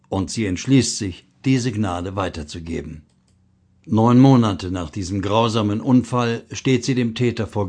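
A man's voice: medium pitch, darkish tone. Earnest man reading a devotional text. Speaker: reader of a blog article.

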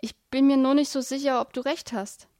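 A woman's voice: sits high, fairly even intonation, a little fast, dark tone, no echo, clean studio sound, pitched above the performer's own voice, lightly acted. A woman voicing a grumpy, sarcastic male hamster who whines and panics while clinging to a branch. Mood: anxious.

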